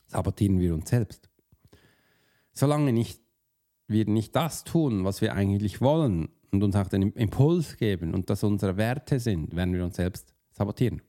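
Guy coaching on profiling, lowish soft dark voice, talks right at you, lots of questions. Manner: addresses listener directly with rhetorical questions; informal, restarts mid-word. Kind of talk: motivational teaching monologue.

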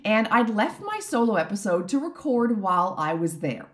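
Middle-aged woman coach, solo podcast host, slightly croaky from a throat infection, earnest and openly emotional. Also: mid-range voice, very animated, moderate pace. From Canada. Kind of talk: reflective solo podcast monologue.

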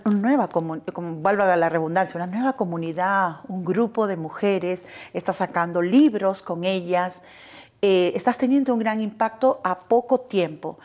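Low-voiced woman TV interviewer. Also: a little mellow. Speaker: co-host. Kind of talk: television talk show conversation.

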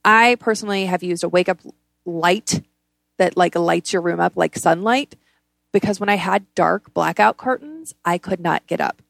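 Female podcast host, mid-pitched with noticeable fry, dry close sound; casual, blunt, emphatic motivational delivery. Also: no echo. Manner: informal, blunt, emphatic with repeated words. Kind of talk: casual motivational self-help podcast talk.

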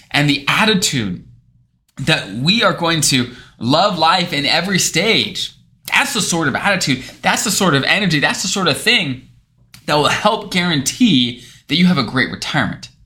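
A man's voice: a little high, pushed and bright. A man hosting his channel as a financial planner, telling a story in casual talk to camera, with restarts.

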